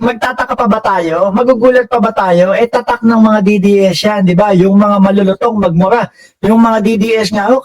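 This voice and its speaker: A Filipino man gives casual political commentary, reading viewer comments aloud and poking fun with frequent laughter. His voice sits high for a man. He is a little distant from the mic, so the sound is slightly roomy. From Philippines. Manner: mocking, laughs often, addresses viewers as bossing.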